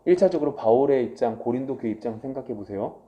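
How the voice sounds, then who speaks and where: Middle-aged male pastor, sermon, mellow tone, voice rising and falling widely, asks and answers his own questions. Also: lively intonation, fast talker, highs cut off. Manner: swings from loud acted inner voices to soft low asides; asks the congregation questions and answers them himself.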